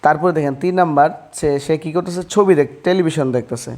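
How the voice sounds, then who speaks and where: A man teaches a relaxed language lesson in a slightly high voice. He talks to the viewer like a brother and keeps stopping to ask whether things are clear. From Bangladesh. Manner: addresses listener as brother, asks quick check questions. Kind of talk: casual explanatory lesson.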